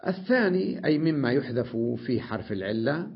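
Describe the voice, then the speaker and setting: A husky-voiced male teacher explains grammar rules patiently, repeating each example word slowly and checking in with his listeners. The recording is dull and lo-fi. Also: a little high, big pitch swings. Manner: explains step by step, often checks "okay?". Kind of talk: recorded classroom lesson.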